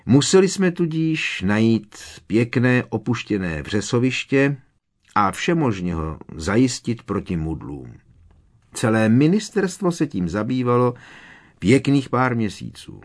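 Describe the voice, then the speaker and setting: A man's voice: medium pitch, big pitch swings, pitched above the performer's own voice, lightly acted. A man voicing a kindly, patient middle-aged wizard father who explains things at length.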